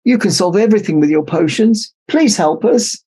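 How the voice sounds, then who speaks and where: A man's voice: high voice, animated, moderate pace, dark tone, slightly rough, pitched above the performer's own voice. A man voicing a small, worried female lizard in a children's storybook, crying out and pleading urgently.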